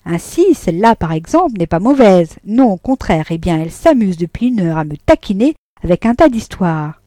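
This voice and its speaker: A woman's voice: medium pitch, sing-song, normal speed, dark tone, dry recording, clean studio sound, close to an everyday voice. A woman voicing a bluff middle-aged husband caught in a lie, jovial and then defensive, in a read-aloud novel. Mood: jaunty.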